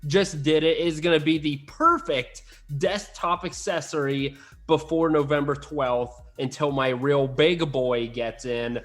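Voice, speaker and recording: Excitable young man hosting a podcast. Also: on the high side, unhurried. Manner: excitable, jokey, teasing. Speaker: podcast co-host. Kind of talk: casual podcast banter.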